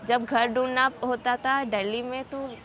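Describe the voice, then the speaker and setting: A young woman from Tamil Nadu talks casually in an interview, acting out bits of dialogue as she explains. Her voice sits somewhat high, and steady background noise runs under it. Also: moderate pace, lo-fi sound. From Tamil Nadu, India. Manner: chatty, explains with quoted dialogue. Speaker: student interviewee.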